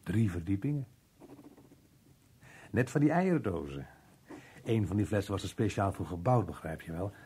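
An actor playing a muddled, evasive working man in an old radio drama, halting and puzzled, with a rough, husky voice. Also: on the low side, lively intonation, warm tone. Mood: rambling, confused. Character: muddled, evasive working-class man, slow to grasp questions.

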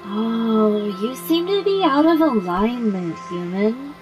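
A woman voicing a calm female robot yoga instructor in a video game, speaking in a slow, even, robotic way. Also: a little high, poor audio. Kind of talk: video game character dialogue. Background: game music.

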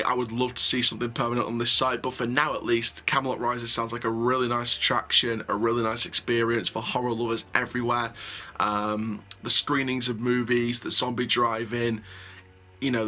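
Bright-voiced young man, chatty. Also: medium pitch. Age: young adult. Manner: chatty, many ums and restarts. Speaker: theme park channel host. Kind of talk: casual news update and opinion.

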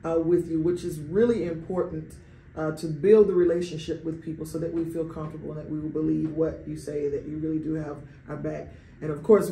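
A woman's voice: fairly low pitch, slight background noise. Affirming woman host in a roomy studio. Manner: warm, affirming, laughs often. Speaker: radio host. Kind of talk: conversational radio interview. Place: radio studio. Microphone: desk microphone.

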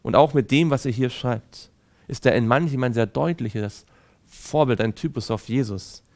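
A man in his thirties, an evangelist, reading psalms aloud and explaining them with earnest personal address to the listener. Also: mid-range voice. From Germany. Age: 30s. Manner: earnest, reads scripture slowly then explains it in a warm personal address. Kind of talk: devotional Bible reading and commentary.

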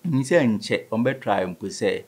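A Ghanaian man in his thirties, with a West African accent, talks conversationally as a guest on a sports interview, switching between Twi and English. His voice sits on the low side with lively intonation, a measured pace, a darkish tone and a breathy edge. It's recorded in a small indoor studio on a table-stand studio mic.

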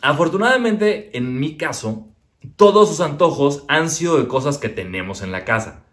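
A man's voice: a little high, animated, normal speed, fairly bright tone. A young Mexican man doing stand-up comedy from his living room, crude and self-mocking, arguing back and forth with himself.

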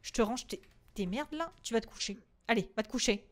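A high-pitched young woman giving let's-play commentary on a horror game. She talks to her viewers in a chatty, swearing flow, stacking up rapid repeated words and letting out shrieks at the jump scares. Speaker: gaming streamer.

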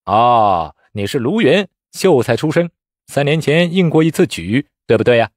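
A man voicing a greedy, cowardly male exam official who mocks candidates with a shrill, sneering voice. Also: big pitch swings, normal speed, no room sound, clean studio sound. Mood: wheedling. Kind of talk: storytelling voice acting.

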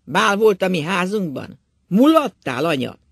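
A man voicing a drunk old husband who rails loudly and wails through dry sobs. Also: medium pitch, monotone, dry recording, lightly acted. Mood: mocking. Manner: loud, mocking, then wailing. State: drunk and sobbing.

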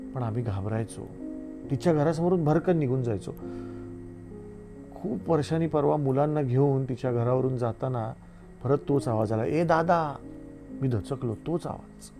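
A middle-aged man from India reading his own short reflective essays aloud in a measured, storytelling manner, with quiet pauses. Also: mid-range voice. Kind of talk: literary book reading.

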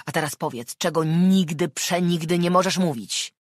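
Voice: medium pitch, very animated, normal speed, fairly bright tone, slightly rough, no echo, clean studio sound, full character voice. A narrator reading an audiobook and voicing a cold, threatening father with a hard-edged delivery. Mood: menacing. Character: cold, menacing abusive father.

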